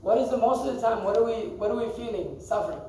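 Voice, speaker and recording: Recorded from a distance in an echoing temple hall, this man's voice is very high-pitched, quick and mellow, with slight background noise. He leads a scripture class for a group, chatting casually, putting questions to them and frequently laughing.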